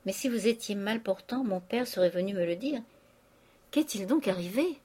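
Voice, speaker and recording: A woman's voice: medium pitch, darkish tone, slightly rough, lightly acted. A woman reading an anxious lover's letter. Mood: pleading. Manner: slow, tender, pleading. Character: anxious young woman writing a love letter.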